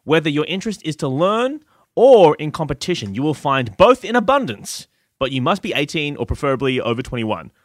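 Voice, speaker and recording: A man's voice: a little high, very animated, fairly quick, no echo, studio quality. A man co-hosting a comedy podcast, joking and reading listings aloud with wry asides. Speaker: podcast co-host. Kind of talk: casual comedic podcast banter.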